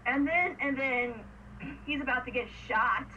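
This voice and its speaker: Giggly woman with a bright voice. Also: sits high, a little slow, recorded from a distance. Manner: giggly, excitable, acts out scenes. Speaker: podcast co-host. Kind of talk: casual fan podcast chat. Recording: dull lo-fi sound with faint noise, off-mic.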